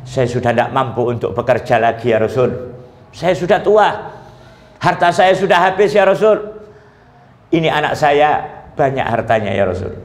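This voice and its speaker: A man's voice: mid-range voice, sing-song, normal speed, pauses often. A preacher voicing an old pleading father. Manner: pleading, repeatedly addressing the Prophet. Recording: roomy echo.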